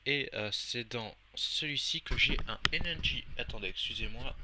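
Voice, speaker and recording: A man's voice: mid-range voice, moderate pace, heavy background noise. A young man casually narrating his gameplay to viewers, hesitant, with many fillers and self-corrections. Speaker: Minecraft server player and video host.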